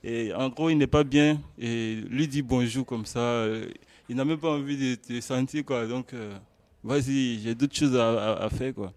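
A man speaks loosely in a roundtable, sharing his experience. His speech is relaxed and full of fillers and repeated phrases. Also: medium pitch, unhurried, dry recording. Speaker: panel participant. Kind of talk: casual spoken testimony.

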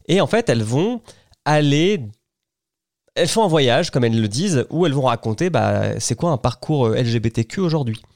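A man's voice: medium pitch, darkish tone, no room sound. Brief: male podcast host, dry close sound, chatty and enthusiastic, lots of "euh" restarts. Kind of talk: casual podcast recommendation.

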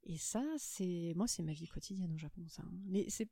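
A woman from France chatting casually as a podcast host, telling stories in a lively way and acting out the people in them. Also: on the low side, moderate pace, breathy edge, no room sound. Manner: lively storytelling, acts out the people in her stories. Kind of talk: casual conversation.

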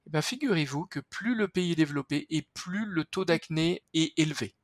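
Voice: mid-range voice, normal speed, no room sound, clean studio sound. A podcast guest explaining skincare research in an enthusiastic, chatty way, full of fillers and restarts.

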